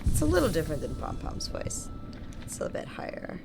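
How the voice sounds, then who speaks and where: A woman's voice: deep voice, wildly swooping pitch, a little fast, creaky, background noise. A woman giving casual live commentary as she streams a game, playful and self-deprecating. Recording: music playing behind the voice.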